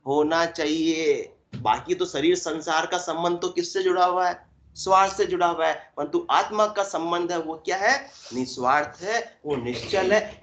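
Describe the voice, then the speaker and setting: A man giving a spiritual discourse, explaining by asking and answering his own questions and drawing out verse lines slowly. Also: high-pitched, fairly bright tone. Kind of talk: Hindi satsang discourse. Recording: dull lo-fi recording.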